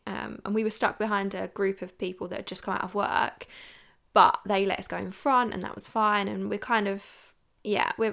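A young woman from England hosting a podcast, telling a story in a chatty, animated way with lots of "like". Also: mid-range voice, gravelly. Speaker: podcast host. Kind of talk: casual storytelling. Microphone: podcast mic.

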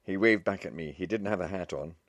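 A man voicing a kindly older military officer who speaks briskly and reassuringly. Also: sits low, dry recording, clean studio sound. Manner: brisk at first, then gentle and reassuring.

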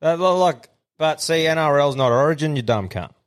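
A man's voice: a little high, brisk. An Australian man hosting a podcast, chatting casually in a blokey, sweary way. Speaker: podcast host. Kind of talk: casual banter.

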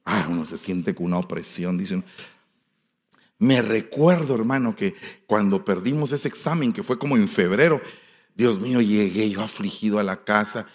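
A man with a Guatemalan Spanish accent preaching as a pastor, telling folksy stories in an animated way, swinging between soft asides and loud exclamations. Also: lowish voice, moderate pace. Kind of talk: storytelling sermon. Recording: long hall reverb.

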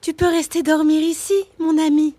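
A woman voicing a small, sly, cheerful female tortoise in a storybook reading, with a bright, eager, sing-song delivery. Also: sits high, flat delivery, normal speed, no room sound, voice pushed up, natural voice.

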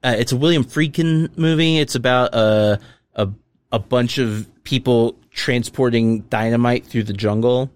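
A man's voice: mid-range voice, a little slow, smooth, no room sound. A man co-hosting a podcast, chatting casually and animatedly, laughing often and swearing freely. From Middle Eastern heritage. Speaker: podcast co-host. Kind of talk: casual chat.

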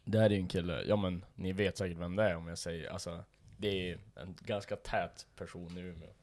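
A man in casual chat, chiming in often with quick agreeing remarks. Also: sits low, steady tone, darkish tone, no room sound.

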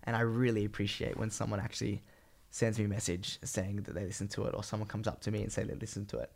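Croaky, phlegmy young Australian man. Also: on the low side, flat delivery, quick pace, darkish tone. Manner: rambling, slangy, swearing casually. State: sick with a cold, voice partly gone. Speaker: podcast host and vlogger. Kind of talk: casual solo podcast catch-up.

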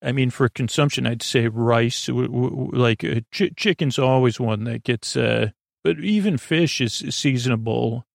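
With a creaky voice of medium pitch, a podcast host delivers a meandering bedtime monologue, frequently stumbling, restarting and drifting off topic. No room sound is audible, and the quality is that of a studio.

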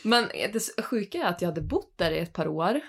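A Swedish woman in her thirties, co-hosting a podcast and telling a spooky personal story in an animated, chatty way. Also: fairly low pitch, vocal fry, husky. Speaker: podcast co-host. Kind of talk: casual storytelling chat.

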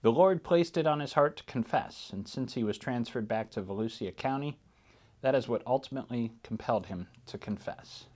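A man's voice: medium pitch, normal speed, a little mellow. A man hosting a true crime podcast, giving informal, conversational commentary on the news.

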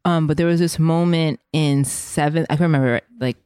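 Podcast host, woman, low voice, dry close sound, rambling and animated storyteller. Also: fairly quick, clear, resonant tone, dry recording. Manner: rambling, many "like" fillers; animated and emotional when telling the story. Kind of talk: casual storytelling chat.

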